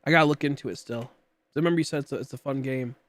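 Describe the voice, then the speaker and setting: A man in his late twenties, mid-range in pitch and quick in pace, keeps up casual chatter as he streams a game. He rambles along, cracking self-deprecating jokes for his viewers and a friend.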